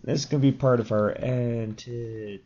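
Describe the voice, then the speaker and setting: Over a dull lo-fi mic, a young programming tutorial host with a sore throat explains code at a moderate pace. His mid-range voice is dark, fairly even in intonation and slightly crackly, and his screen-recorded walkthrough rambles with fillers and self-corrections.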